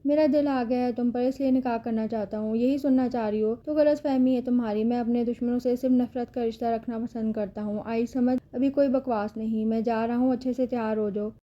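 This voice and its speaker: A woman's voice: a little high, steady tone, hardly any pauses, lo-fi sound, natural voice. A woman reading the part of a cruel, vengeful young man who has kidnapped a girl, speaking in a threatening, mocking way. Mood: menacing. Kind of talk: audiobook character reading.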